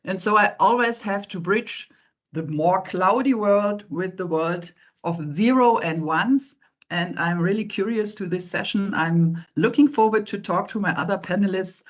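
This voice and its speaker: Female, middle-aged, conversational panel introduction, average pitch, muffled online-call sound. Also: unhurried. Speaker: panelist, software company CEO. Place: online video meeting. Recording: slightly dull online call audio.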